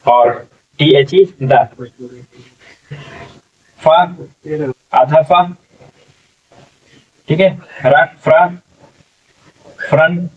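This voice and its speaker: Slow-spoken male teacher, distant and lo-fi. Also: fairly high pitch, slightly rough. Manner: slow, drawn-out syllable-by-syllable sounding out; frequent "theek hai" check-ins. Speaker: English teacher. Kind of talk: spelling lesson, sounding out words letter by letter. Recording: distant, dull lo-fi recording.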